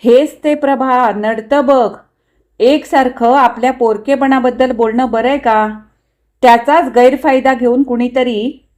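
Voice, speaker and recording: A woman's voice: a little high, unhurried, natural voice. A woman voicing a wary young husband in a read-aloud story, who talks in a firm, slightly stern way. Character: young husband, wary and quick to get irritated.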